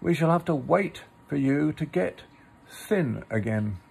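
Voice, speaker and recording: A man reads a kindly storybook boy, gentle and affectionate. The delivery is slow and sensible, with a very creaky, husky tone. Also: fairly high pitch, expressive, exaggerated voice. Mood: considered.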